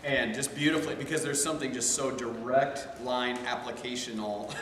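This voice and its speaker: A man teaches a theology class in a relaxed, conversational way, drifting into animated side stories. His voice sits at an ordinary middle pitch. The sound bounces around a very reverberant room with a long tail and a faint hum underneath. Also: normal speed. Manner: chatty, digressive, animated storytelling. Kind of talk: casual classroom lecture.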